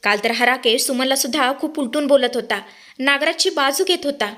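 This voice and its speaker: A woman's voice: sits high, fairly quick. A woman voicing a caring but shrewd middle-aged aunt in a retold soap story. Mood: suspicious. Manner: warm to family, sharp when suspicious.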